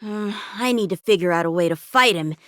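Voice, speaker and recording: Here a woman voices a video game's young swordsman, an eager and confident teenage boy with a cocky, earnest, youthful way about him, in an earnest, thoughtful mood. She uses a natural mid-range voice, a fairly bright tone, and a slightly quick pace. The studio sound is clean, with no echo.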